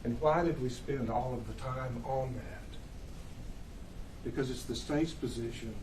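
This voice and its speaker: Guy prosecutor giving a closing argument, roomy echo, mic kinda far off, slow deliberate emphasis. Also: medium pitch. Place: large indoor courtroom. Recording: roomy, distant mic, background noise.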